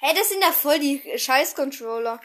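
A teenage girl chatting casually and telling a rambling, animated story as a vlogger. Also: high voice, normal speed, a little hiss or hum.

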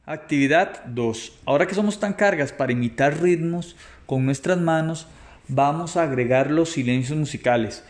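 A man talks students through a music lesson. He speaks slowly and patiently, with a somewhat high voice. He counts beats aloud as he demonstrates each exercise. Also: a little mellow. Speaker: music teacher. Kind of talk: explanatory lesson audio for students.

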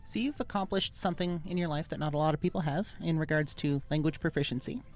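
Low-pitched woman hosting a chatty podcast. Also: fast, a little mellow. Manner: friendly, chatty, reads plugs and warnings. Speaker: podcast host. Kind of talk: casual podcast intro and interview.

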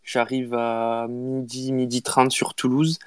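Flat-voiced man with a smooth voice. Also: mid-range voice, takes it slowly, dry recording. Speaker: co-host. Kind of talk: casual chat.

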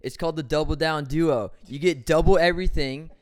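A man's voice: on the high side, fairly quick, smooth. A man co-hosting in casual banter, with trouble saying R's, which sound closer to W's. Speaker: podcast co-host.

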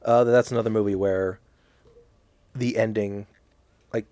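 A man's voice: lowish voice, steady tone, measured pace, mellow, no room sound. A man co-hosting a podcast in casual chat, making dry, wry jokes. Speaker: podcast co-host.

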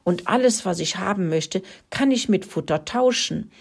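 A woman's voice: mid-range voice, animated, normal speed, vocal fry, husky, pitched above the performer's own voice. Woman voicing a flustered little hen. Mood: relieved. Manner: stammering, flustered. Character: nervous fibbing hen. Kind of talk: storybook reading.

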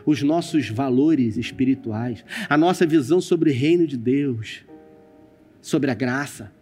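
Mellow Brazilian pastor preaching. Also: male voice, mid-range voice, a little slow, breathy edge, faint music behind. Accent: Brazilian Portuguese. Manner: dramatic storyteller, addresses congregation directly. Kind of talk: sermon with personal storytelling. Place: church stage with screen.

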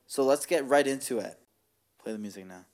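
A man's voice: mid-range voice, brisk, darkish tone. A young man co-hosting a podcast, talking in casual, slangy, profane banter. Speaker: podcast co-host. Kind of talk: casual chat.

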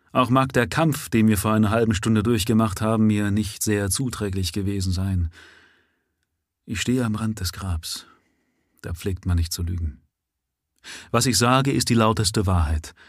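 A man's voice: on the low side, normal speed, dry recording, studio quality. A man reading aloud, voicing a dying male avenger who speaks earnestly in a raised voice.

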